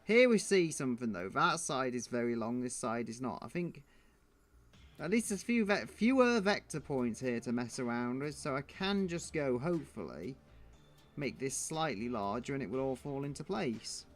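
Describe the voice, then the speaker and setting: A man's voice: mid-range voice, lively intonation, normal speed, soft background music. A man streaming his drawing, thinking aloud in a muttering, self-deprecating way.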